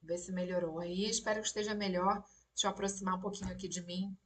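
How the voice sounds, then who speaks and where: A woman's voice: on the low side, level tone, fast talker, fairly bright tone. A woman teaching a casual live lesson on song lyrics, explaining in a chatty way and checking in often with her listeners, recorded on a phone set a little away from her. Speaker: Spanish teacher.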